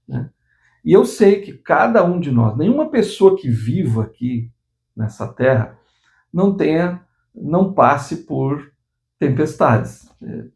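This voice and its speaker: His voice is gravelly and medium-pitched with a darkish tone: a man in his sixties running his own channel, offering an earnest motivational talk to whoever's watching. He often backs up to restart phrases and uses tag questions.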